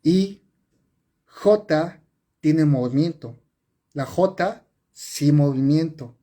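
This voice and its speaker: A man's voice: on the high side, very slow, mellow. A man teaching sign language on a live stream, explaining step by step, repeating and correcting himself with many fillers. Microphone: phone or webcam on a live stream.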